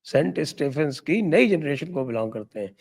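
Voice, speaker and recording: Husky-voiced male talk show host. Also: fairly high pitch, big pitch swings, moderate pace. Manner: steers the talk, wry interjections. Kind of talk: political discussion.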